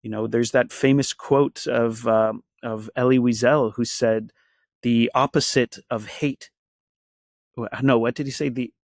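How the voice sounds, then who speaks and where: A man's voice: mid-range voice, fairly even intonation, unhurried, dry recording. Male interview guest, earnest and reflective, mid-range voice, dry close sound. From Washington, D.C. area, USA. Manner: earnest, reflective, builds long lists. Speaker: guest, actor and activist. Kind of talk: conversational interview.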